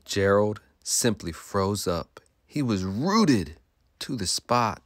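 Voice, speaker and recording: Teacher guy reading a rhyme book to kids, slow and sing-songy, dry sound. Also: fairly low pitch, big pitch swings, no echo. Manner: sing-song rhyming delivery, pausing to ask children questions. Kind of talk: reading a picture book aloud to children.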